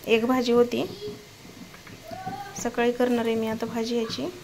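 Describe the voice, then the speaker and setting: A woman with a Marathwada Marathi accent and a fairly high voice coaxes and chats lovingly with her child in a casual home vlog. She is recorded on a phone, with faint room noise behind her. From Maharashtra, India. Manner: coaxing, affectionate, chatty with her child. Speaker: vlogger mother. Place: family home. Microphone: phone camera.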